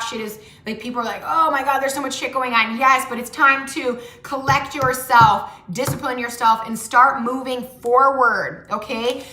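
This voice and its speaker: Pushed and bright, her slightly high voice carries through an echoey room as this young woman, who vlogs about motivation and reads tarot, delivers a blunt, pushy casual reading full of swearing and ends her points with "okay?".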